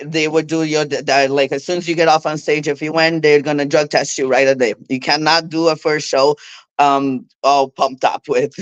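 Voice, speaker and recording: Here the Brazilian figure bodybuilder speaks in a low voice with her Brazilian Portuguese accent, candid and quick to laugh as an interview guest. The recording has no echo, and the highs are cut off.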